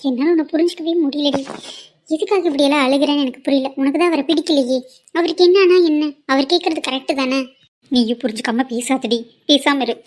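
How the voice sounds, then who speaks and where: A woman voicing a sharp-tongued young female friend in a cartoon drama, chiding her friend. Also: high voice, brisk, lightly acted.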